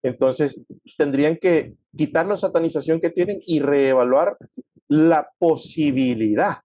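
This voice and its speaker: Higher-voiced man explaining theology. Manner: explanatory, acts out quoted people in lively voices. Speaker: guest speaking on theology. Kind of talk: conversational discussion.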